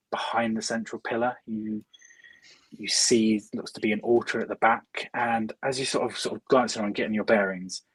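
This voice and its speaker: A man's voice: on the low side, fairly bright tone, slightly rough, dry recording, poor audio. A man narrating as dungeon master in a casual, hesitant way, full of "um" and "sort of". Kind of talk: narrating a tabletop game.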